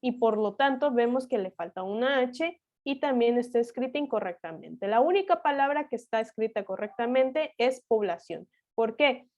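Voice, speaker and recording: A woman's voice: on the high side, lively intonation, moderate pace, few pauses, a little mellow, dull audio. A woman tutor with a Mexican Spanish accent, explaining exam answers in a step-by-step grammar lesson, asking herself rhetorical questions.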